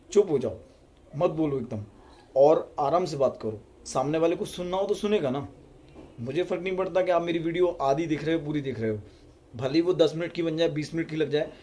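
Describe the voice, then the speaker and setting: A man giving communication tips to his video audience in a calm, unhurried, deliberate way. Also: a little high. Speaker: YouTube self-help creator. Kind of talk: casual advice talk to camera.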